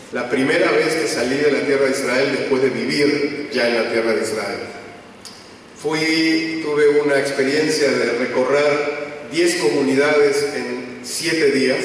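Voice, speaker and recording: A man, a rabbi giving a measured, explanatory lecture in a large temple. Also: mid-range voice, a little hiss or hum. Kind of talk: synagogue lecture. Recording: echoey hall from far off.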